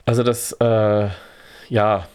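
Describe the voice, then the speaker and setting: A man's voice: fairly low pitch, flat delivery, slow, a little mellow, clean tone. A man talking casually on a podcast, wry and exasperated, using dry gallows humor. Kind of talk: casual chat.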